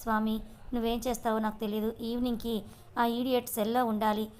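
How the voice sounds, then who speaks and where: A woman's voice: a little high, flat delivery, fairly quick, darkish tone, clean tone, natural voice. A woman voicing a stern, hot-tempered police officer husband who speaks in curt commands.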